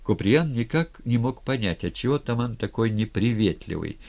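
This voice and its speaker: A man narrating a historical novel as an audiobook in a measured, expressive storytelling manner. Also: mid-range voice, vocal fry.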